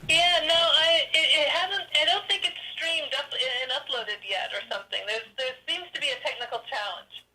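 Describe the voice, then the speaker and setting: High bright woman on a speakerphone. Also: moderate pace, hardly any pauses. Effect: heard over a speakerphone. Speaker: caller on a town board meeting. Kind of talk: casual meeting talk. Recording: distant speakerphone voice in a meeting room.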